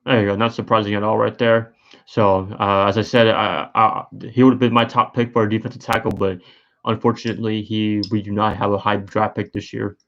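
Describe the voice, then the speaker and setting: A fairly low-pitched man talks through a casual live stream, sleepy and yawning. He rambles and hesitates, restarting his sentences and filling gaps with ums and uhs. The audio is dull and lo-fi. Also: little pitch movement, a little fast, a bit bright. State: tired and yawning. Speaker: sports streamer.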